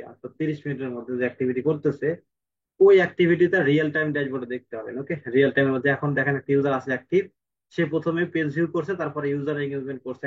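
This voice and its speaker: A man teaching a live online class over a shared screen, talking fast and rambling, thinking aloud as he goes. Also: fairly high pitch, darkish tone, lo-fi sound. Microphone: video call.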